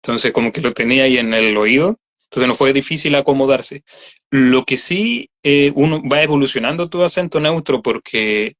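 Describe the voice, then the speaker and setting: A man's voice: mid-range voice, normal speed, a bit bright. Chatty Chilean man, lo-fi audio. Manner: chatty, explains at length with many fillers. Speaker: voice actor guest. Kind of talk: casual interview chat. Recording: slightly dull lo-fi audio.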